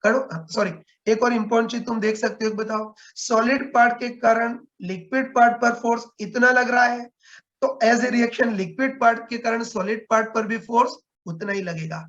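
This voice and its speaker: A man's voice: very high voice, steady tone, normal speed, a bit bright, dull audio. A man teaching a physics class online, explaining step by step and checking in with students often. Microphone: video call.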